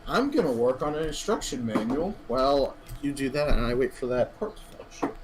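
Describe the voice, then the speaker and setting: A man's voice: medium pitch, expressive, fairly quick, a crowd in the background. A man chatting casually with a friend over a voice call, tossing in joking, teasing asides. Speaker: guest friend. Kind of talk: casual chat. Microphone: voice chat.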